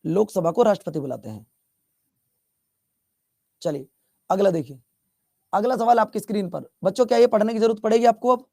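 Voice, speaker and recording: A man's voice: sits high, fairly quick, vocal fry, long pauses, mellow, dry recording, clean studio sound. A male teacher from Bihar giving a chatty classroom lecture, repeating his questions and teasing students as he scolds them. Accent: Bihar Hindi.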